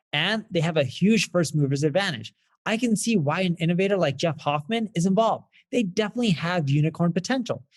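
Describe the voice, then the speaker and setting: A man hosting a scripted promotional interview, prompting his guests with enthusiasm. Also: high voice. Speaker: host interviewing and promoting a company.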